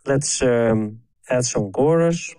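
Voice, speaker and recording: A man narrating a software tutorial, calm and explanatory, with the odd filler. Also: mid-range voice, slow pace, in a large hall. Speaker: app tutorial presenter.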